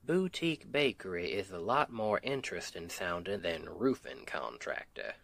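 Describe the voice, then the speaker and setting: A man plays a sweet, weary Southern US husband and roofer in an intimate ASMR roleplay, voicing one side of a conversation with an affectionate, teasing, folksy drawl. His low, gravelly voice swings widely in pitch at a moderate pace, exaggerated in style, over a noisy background. He sounds curious and affectionate.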